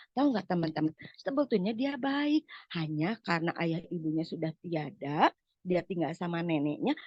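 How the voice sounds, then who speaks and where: A woman telling a story to children, talking straight to them in an animated way. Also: a little high, creaky, breathy edge, no echo, lo-fi sound. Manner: animated, addresses the children directly.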